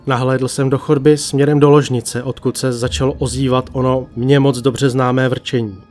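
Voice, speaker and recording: Male horror narrator, hushed and deliberate, mid-range voice, faint music underneath. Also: medium pitch, level tone. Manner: slow, hushed dramatic telling with long pauses. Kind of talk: creepypasta narration.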